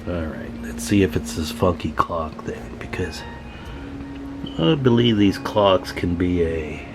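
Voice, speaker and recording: In this radio repair clip, the host talks in a low, sing-song voice, taking it slowly as he tinkers at an indoor workbench. His commentary to viewers is casual, hands-on, and folksy, with music in the background.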